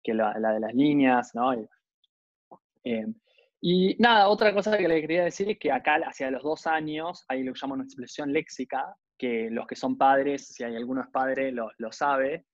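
A man's voice: medium pitch, moderate pace, no echo, dull audio. A man with an Argentine accent giving an informal university lecture, talking conversationally and often checking in with his students. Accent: Rioplatense Argentine Spanish.

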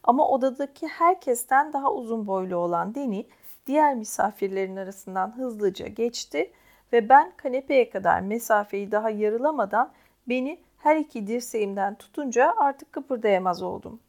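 A woman narrating an audiobook in a calm, measured first-person voice. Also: a little high.

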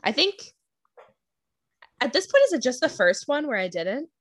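A woman's voice: sits high, big pitch swings, moderate pace. Giggly young woman podcast co-host. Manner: giggly, rambling with fillers. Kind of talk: casual podcast chat.

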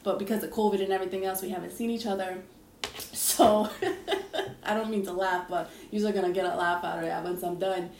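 A young woman hosting a casual podcast chat, telling a story with lively quoted voices. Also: medium pitch, fairly quick, gravelly. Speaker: podcast host. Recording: echoey room with faint hiss.

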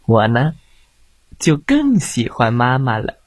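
A man hosting a bedtime story show for children, reading aloud in a soft, lilting storytelling manner. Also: mid-range voice, huge pitch swings, takes it slowly, breathy edge, no echo. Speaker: storyteller host.

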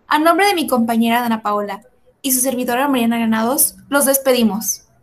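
A woman's voice: a little high, a little fast. A woman co-host reading a scripted podcast sign-off.

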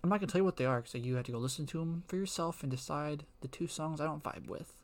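A man's voice: on the high side, quick pace. A young man co-hosting a casual podcast, rambling and filling his talk with "like" and frequent laughs. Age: young adult. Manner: rambling, fills with "like", laughs often. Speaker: podcast co-host.

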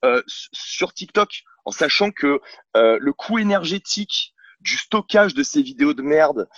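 A man's voice: on the high side, lively intonation, a little slow, fairly bright tone, no room sound, dull audio. A man working as a sports coach, guest on a podcast, talking bluntly and outspokenly in a casual interview, with many hesitations and restarts. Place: at home on a couch, filming himself. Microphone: camera mic.

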